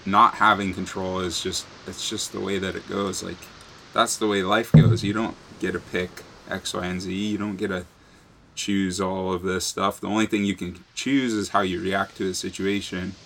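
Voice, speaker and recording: A young man answering interview questions in a relaxed, casual way, full of "like". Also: sits low, normal speed, a little hiss or hum. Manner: relaxed, many fillers like "like". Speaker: guest.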